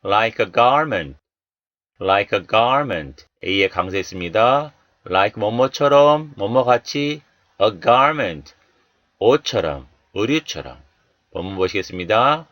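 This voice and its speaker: A man teaching English Bible verses and pronunciation, saying each word slowly and more than once before explaining it. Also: lowish voice, animated, a bit bright, no room sound. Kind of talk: slow, deliberate pronunciation lesson.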